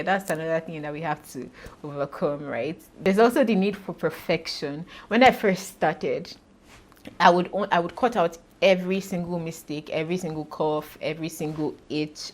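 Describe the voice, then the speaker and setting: Young woman, low voice, chatty and self-deprecating to camera, faint noise behind. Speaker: YouTuber. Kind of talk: casual talk to camera.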